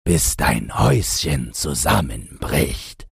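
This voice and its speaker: A man voicing a sly, scheming big bad wolf in a storybook reading, with a deep, gravelly, husky voice and slow, drawn-out, coaxing speech. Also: very animated, dry recording, exaggerated voice.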